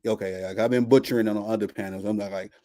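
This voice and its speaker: A man's voice: fairly low pitch, steady tone, fast, warm tone. A man with a Chicago accent hosting a casual sports podcast over a video call, laid-back and slangy, laughing easily. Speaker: podcast host.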